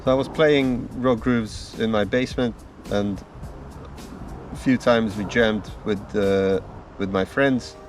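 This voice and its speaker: Speaking on the low side, this drumming vlogger from Slovakia introduces himself casually while outdoors among trees. He's unhurried, pausing briefly as he talks, and the distant microphone also catches faint background music.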